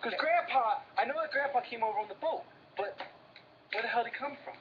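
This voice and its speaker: An actor playing a rambling working-class brother with a Brooklyn accent who stammers and repeats himself, in film dialogue. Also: male voice, very high-pitched, a little fast, lo-fi sound, a little hiss or hum. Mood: fretful. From Brooklyn, New York.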